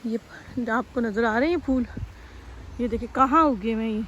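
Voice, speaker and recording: A woman's voice: a little high, moderate pace, a bit bright, muffled recording. A woman chatting casually into her phone while walking outdoors, breathing hard on the climbs. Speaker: vlogger. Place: outdoors in a German village. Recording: faint outdoor background noise.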